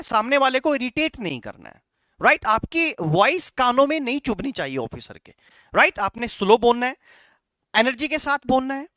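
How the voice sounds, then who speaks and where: Lively, expressive male teacher giving a lecture. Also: very high-pitched, dry recording, clean studio sound. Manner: instructive, repeats "right?" and "चलेगा" to check in; mixes English phrases into Hindi. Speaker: coaching teacher. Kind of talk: classroom lecture.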